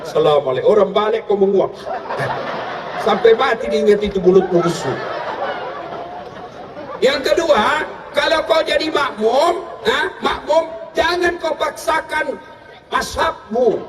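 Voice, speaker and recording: A man with a very high-pitched voice delivers a humorous sermon to a live audience, telling stories and shouting out his punchlines. The recording is echoey and the mic sits far from him. A crowd and steady background noise are heard throughout. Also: a little slow. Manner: lively storytelling, bursts into shouts for punchlines. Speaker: preacher.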